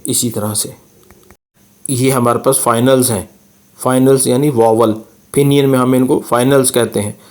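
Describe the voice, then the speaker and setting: A man teaches pronunciation over slides, slowly repeating sounds for practice. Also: mid-range voice, darkish tone. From Pakistan. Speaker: language teacher. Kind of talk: slide-based pronunciation lesson.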